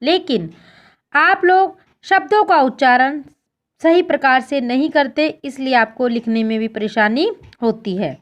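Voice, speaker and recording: Slow, high-voiced woman teaching Sanskrit. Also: dull audio. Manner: patient, instructive, addresses pupils as children; slow, deliberate recitation of declensions. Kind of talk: classroom lesson, reciting word forms.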